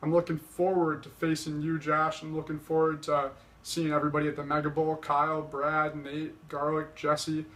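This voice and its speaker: A man's voice: fairly high pitch, monotone, normal speed, a bit bright. A winded young man talking casually to the camera, boasting as he lays out his game plan point by point. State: a little winded. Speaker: vlogger challenging a friend to a video game match.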